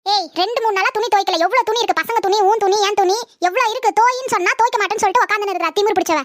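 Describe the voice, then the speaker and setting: Someone doing a super high nagging old mother-in-law, rattles off scoldings really fast, dry close sound. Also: fairly bright tone, no room sound. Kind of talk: comedy skit acting.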